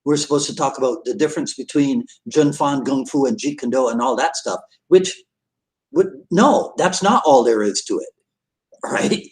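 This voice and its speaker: A martial arts podcast host with a medium-pitched, expressive voice chats upbeat and jokey with his listeners at a moderate pace. He moves through casual interview talk and a sign-off, and the audio is poor.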